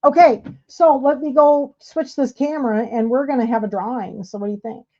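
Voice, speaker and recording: A woman's voice: sits high, fairly quick, warm tone, dull audio. A woman hosting a sewing class livestream, chatting casually with viewers. She rambles and restarts her sentences, with fillers along the way. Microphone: desk mic while streaming.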